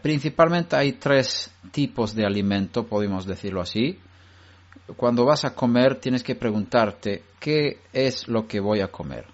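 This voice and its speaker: A man giving an unscripted religious lesson to a study group, explaining step by step in a measured way and often restarting his sentences. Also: medium pitch. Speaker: Bible study teacher. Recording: dull lo-fi recording.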